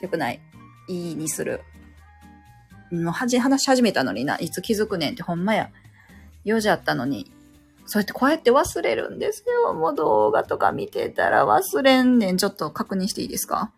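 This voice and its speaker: A woman's voice: medium pitch, huge pitch swings, fairly quick, creaky, husky, soft background music. A woman with a Kansai accent, a stay-at-home mother chatting casually and self-deprecatingly on her own show, often losing her train of thought. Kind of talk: casual solo chat.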